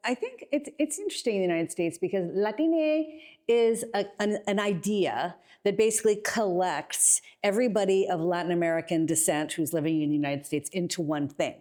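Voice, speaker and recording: A woman's voice: lowish voice, brisk, few pauses, dark tone. Thoughtful woman stage director. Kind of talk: casual interview.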